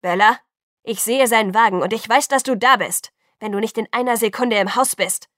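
A woman voicing an angry father who shouts sternly from a distance in an audiobook. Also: on the high side, a little fast, no echo, studio quality, close to an everyday voice.

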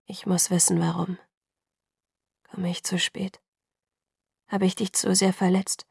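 A woman reading the lines of an intense, remorseful young man in love, soft, hushed and pleading. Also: fairly low pitch, level tone, unhurried, gravelly, breathy edge, dry recording, clean studio sound, heavily acted.

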